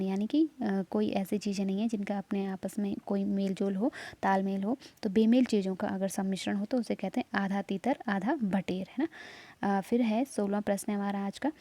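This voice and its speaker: A woman's voice: medium pitch, warm tone, dry recording. A woman teacher working through exam practice questions, explaining each answer step by step and checking in with the listener.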